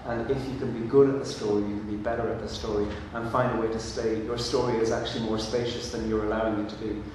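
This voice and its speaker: Heard from a distance in an echoey hall with background noise, this man from Ireland speaks in a voice on the low side. A native Irish speaker, he takes part in a panel discussion earnestly and thoughtfully, with frequent restarts.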